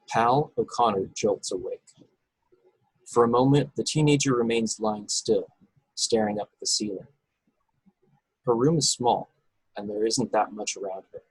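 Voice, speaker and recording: As narrator of an informal table read, a man reads the screenplay's action lines, scene headings and stage directions. His voice is husky and on the low side. The recording is dry, with poor audio.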